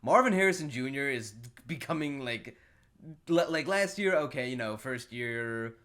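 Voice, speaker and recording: A man's voice: mid-range voice, animated, normal speed, fairly bright tone. A man casually giving football predictions and betting picks, rambling with lots of fillers, swearing and chuckles. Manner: rambling, profane, frequent fillers and laughs. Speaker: sports betting predictions host. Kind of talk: casual solo commentary.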